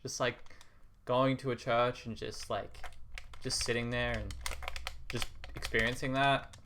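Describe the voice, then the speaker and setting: Young man, casual musing while gaming, rambling, hesitant, soft laughs, mid pitch, faint keyboard clicks behind. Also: little pitch movement, measured pace, background noise. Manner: rambling and hesitant, full of restarts; soft and reflective, with quiet laughs. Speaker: gaming video creator. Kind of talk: casual musing while playing a video game.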